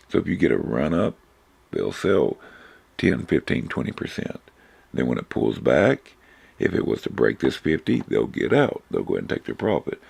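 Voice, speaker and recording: A man giving a casual, rambling lesson on reading stock charts, hoarse because he is losing his voice, with loose phrasing and frequent self-corrections. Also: a bass voice, darkish tone. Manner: informal, rambling, many fillers and self-corrections. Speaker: trading instructor.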